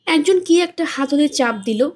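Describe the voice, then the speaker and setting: A woman narrating a novel as a storyteller, steady and expressive. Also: sits high, normal speed. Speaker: storyteller, audiobook reader. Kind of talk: novel reading.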